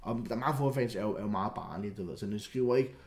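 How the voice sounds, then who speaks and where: This young man's football-clip reactions are casual and excitable, full of stammers and restarts, swinging from loud outbursts down to low muttering. The recording is reverberant.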